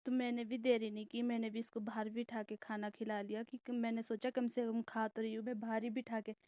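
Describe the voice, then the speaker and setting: A woman's voice: on the high side, flat delivery, brisk, warm tone. A young mother from the Indian hills, chatting easily as she walks through her cooking and childcare. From Indian hill region. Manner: easy, chatty, explains each step. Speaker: vlogger, mother of two daughters. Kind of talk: casual daily-routine vlog voice-over.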